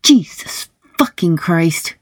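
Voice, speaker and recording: A woman's voice: on the low side, expressive, slow, slightly rough, no echo, full character voice. Narrator doing a short-tempered young female agent. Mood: exasperated. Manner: muttering, swearing, exasperated.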